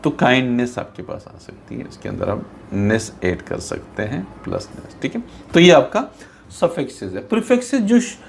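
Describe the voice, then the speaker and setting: A man's voice: mid-range voice, sing-song, creaky, a little hiss or hum. A man from Pakistan teaching an English lesson, explaining patiently and reading textbook lines aloud in English. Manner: patient, repetitive explaining, often checks with "theek hai"; reads English textbook lines slowly, mixing them into his explanations. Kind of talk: recorded classroom lesson.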